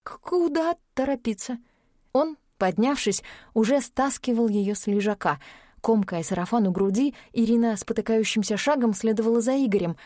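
A woman narrating an audiobook in a steady, expressive reading. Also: fairly high pitch, normal speed, dry recording, clean studio sound. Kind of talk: scripted narration of a crime novel.

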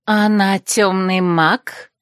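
A woman's voice: medium pitch, fairly even intonation, extremely slow, no echo, clean studio sound. A woman voicing a haughty, catty young aristocrat. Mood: drawling. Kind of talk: audiobook character voicing.

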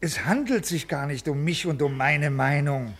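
Middle-aged official in classic radio play; husky, officious, rules first. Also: male voice, fairly high pitch, animated, normal speed, fairly bright tone, exaggerated voice. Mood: lecturing. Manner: formal, officious. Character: stiff, rule-bound male official, weary and ailing. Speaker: government official. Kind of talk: classic radio drama acting.

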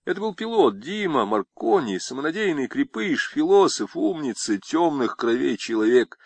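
A man narrating an audiobook in an expressive, ironic storytelling manner. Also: medium pitch, moderate pace, slightly rough, dry recording.

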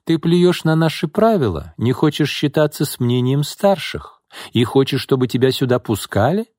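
A domineering middle-aged aunt, put on by a male audiobook reader who speaks high and loud, stretching her words out with scorn. Her voice is sharp and contemptuous, swinging widely in pitch. It sits close and dry, with no room around it. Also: expressive, no room sound, close to an everyday voice. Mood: scornful. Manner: scornful, sharp, drawn-out hissing lines. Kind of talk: audiobook character voice.

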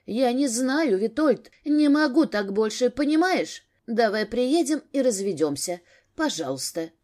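A woman's voice: fairly high pitch, big pitch swings, measured pace, a little mellow, voice pushed up. A woman reading a story aloud, voicing a jealous young wife near tears who reproaches and pleads with her husband. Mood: hurt, pleading.

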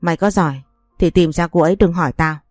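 A woman's voice: on the low side, quick pace, a little mellow, dry recording, clean studio sound, faint music behind, close to an everyday voice. A woman reading the lines of a cold, taunting male rival.

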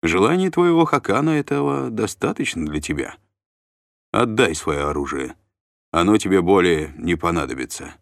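A man's voice: deep voice, very animated, moderate pace, creaky, dry recording, clean studio sound, full character voice. A man voicing a male guard commander who speaks formally, courteous yet firm, in an audiobook reading.

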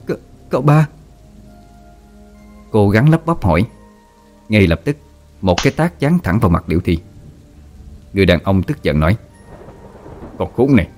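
Low-voiced man narrating a ghost story. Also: a little mellow.

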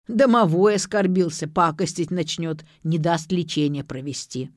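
A woman voicing a cranky old village healer woman who croaks and grumbles curtly, for an audiobook. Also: fairly low pitch, normal speed, no echo, studio quality, natural voice. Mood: grumbling. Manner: grumbling, curt.

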